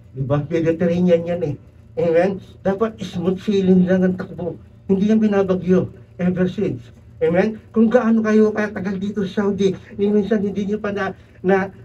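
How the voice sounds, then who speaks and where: A man preaching an animated sermon who keeps calling "Amen?" to the congregation and mixes in English phrases. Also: sits high. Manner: mixes English into his talk. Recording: distant, dull church recording.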